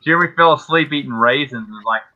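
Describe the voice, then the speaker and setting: A man's voice: mid-range voice, quick pace, narrow, tinny audio. A man telling jokey stories in a casual group video chat, laughing as he goes. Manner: joking storyteller, laughs often.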